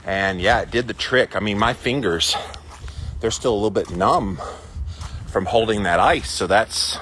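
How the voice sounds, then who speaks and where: A man's voice: lowish voice, a little slow, a bit bright. Man chatting casually over background noise. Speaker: vlogger livestreaming a daily ice bath challenge. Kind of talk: casual chat to livestream viewers. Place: villa on vacation, in and around bathroom. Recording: background noise, sometimes echoey small room.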